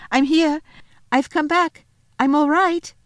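A woman voicing an earnest, kind-hearted, excitable little girl in a children's storybook, speaking eagerly and emphatically. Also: medium pitch, moderate pace, no room sound, studio quality, close to an everyday voice. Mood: excited, insistent. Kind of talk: children's storybook read aloud.

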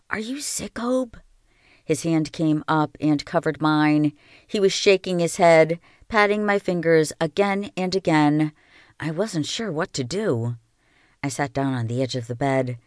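A reader narrating a novel aloud in a calm, even storytelling manner. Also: medium pitch, clean tone, no echo, studio quality. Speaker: audiobook reader.

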